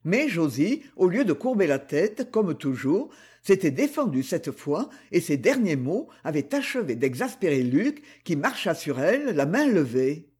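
Male audiobook narrator, high voice, husky, expressive delivery. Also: measured pace. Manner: expressive, dramatic reading. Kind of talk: scripted narration of a novel.

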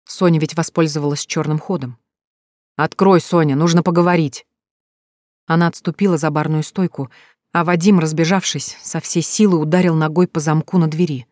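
A narrator reading a thriller audiobook in a measured, tense storytelling manner. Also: medium pitch, steady tone, darkish tone, no echo, clean studio sound.

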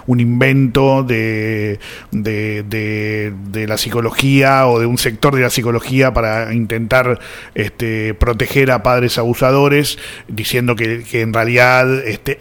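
A man with an Argentine accent hosting a radio talk show, speaking casually with many pauses and fillers. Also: mid-range voice, steady tone. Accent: Argentine Spanish. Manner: hesitant, repeats words and fillers. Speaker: radio host.

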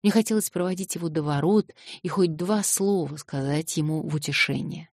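A woman narrating a classic novel as an audiobook in a measured literary reading. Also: deep voice, a little mellow, no echo, clean studio sound. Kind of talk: scripted narration.

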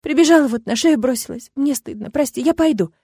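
Timid young student girl in a storybook, as a woman reads her, sniffling, tearful, mellow tone. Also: high voice, quick pace, husky, no echo, clean studio sound, voice pushed up.

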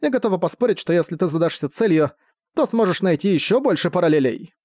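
A man's voice: high voice, expressive, quick pace, darkish tone, no room sound, voice pushed up. A man reading an audiobook, voicing a manipulative, desperate woman villain who pleads and persuades. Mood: persuasive.

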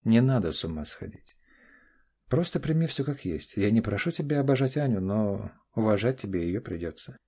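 A man's voice: on the low side, sing-song, normal speed, warm tone, breathy edge, full character voice. Man voicing a curt, firm middle-aged father. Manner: curt and clipped. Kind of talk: audiobook character voice.

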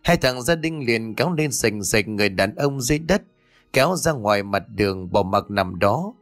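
A man's voice: fairly low pitch, moderate pace, dry recording. Male ghost story narrator. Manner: steady storytelling. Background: faint music.

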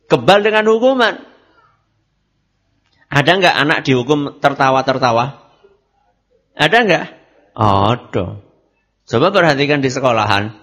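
A man's voice: on the high side, fairly bright tone. A man giving a religious study lecture on parenting, asking and answering his own questions. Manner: asks and answers his own questions, mixes in Javanese words. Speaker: Islamic preacher.

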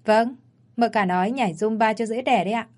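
A woman's voice: on the high side, brisk, a little mellow, lightly acted. A woman voicing a deferential, chatty young female housekeeper in an audio story.

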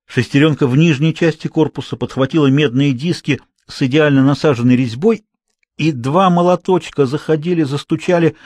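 Husky man narrating an audiobook. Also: on the high side, fairly quick, no echo, clean studio sound. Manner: expressive storytelling.

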